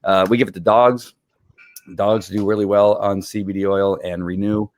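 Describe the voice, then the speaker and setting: A man's voice: on the low side, level tone, normal speed, no room sound, studio quality. A middle-aged man chatting as an interview guest, enthusiastic and rambling with many fillers. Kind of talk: casual interview chat.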